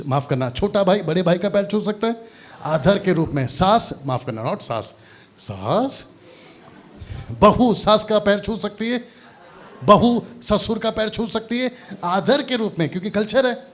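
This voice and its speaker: Animated preacher man, teasing the crowd. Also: a little high. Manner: mixes English words into Hindi. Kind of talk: lively Hindi sermon at a seminar. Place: church seminar hall.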